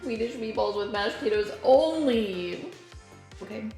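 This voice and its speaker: A woman's voice: on the high side, expressive, a little slow, dark tone, faint music behind. Chatty woman streamer in an echoey kitchen. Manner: chatty, laughs often, self-deprecating. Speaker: streamer host. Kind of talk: casual chat while baking on stream. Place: home kitchen.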